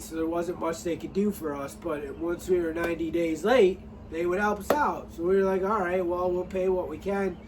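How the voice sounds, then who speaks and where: A middle-aged man, a farmer, telling his story in a rambling, halting way with many restarts and some dry sarcasm. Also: a little high, recorded from a distance, slight background noise, poor audio. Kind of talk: casual personal story to camera.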